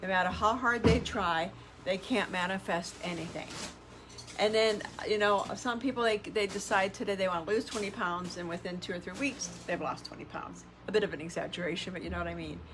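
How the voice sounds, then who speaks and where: A woman's voice: medium pitch, brisk. Middle-aged self-help influencer woman, emphatic, noisy recording. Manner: conversational, emphatic, repeats phrases and asks rhetorical questions. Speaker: self-help podcast host and coach. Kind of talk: motivational self-help influencer talk to camera.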